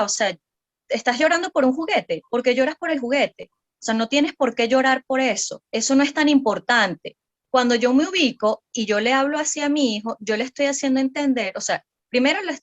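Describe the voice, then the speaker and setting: A woman, a psychopedagogue guest on a podcast, explaining parenting patiently with many fillers and tag questions. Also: a little high.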